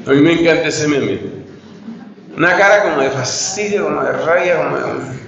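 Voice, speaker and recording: Earnest priest, echoey lecture room. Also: male voice, a little high, moderate pace, vocal fry, crowd noise. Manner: earnest, speaks straight to the audience, poses questions. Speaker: priest giving a retreat talk. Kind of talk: lecture to a retreat group. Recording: echoey room, dull lo-fi sound.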